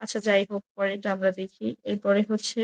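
A woman, talking casually with many fillers and hesitations, then slowing into a drawn-out chant for recited verses. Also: medium pitch, monotone, rough recording. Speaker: video creator comparing Quran editions. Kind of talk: casual explanation with slow recitation.

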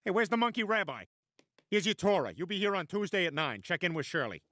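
A bossy, stammering cartoon dad in a sitcom, with a high, bright voice that swings all over. The sound is dry and close. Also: male voice, sing-song, fast, dry recording, full character voice. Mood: exasperated. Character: loud goofy middle-aged cartoon family dad. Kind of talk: animated sitcom dialogue.

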